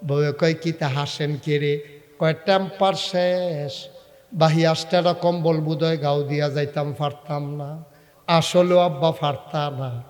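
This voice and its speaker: Man, preacher, waz sermon, fairly high voice, chanting and storytelling, long hall echo. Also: fairly even intonation, measured pace, a little mellow, faint music behind. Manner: swings from chanting wails to low storytelling.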